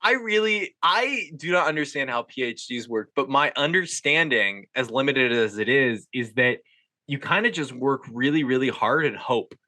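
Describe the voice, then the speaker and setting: A man hosting a podcast, chatting casually and thinking aloud with quick restarts. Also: mid-range voice, animated, pushed and bright. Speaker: podcast host. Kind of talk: casual chat.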